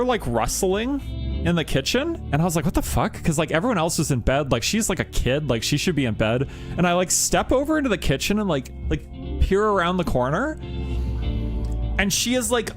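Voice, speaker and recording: A man chatting casually on a live stream while playing a game, rambling with lots of fillers and laughs, getting animated when he tells a story. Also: on the high side.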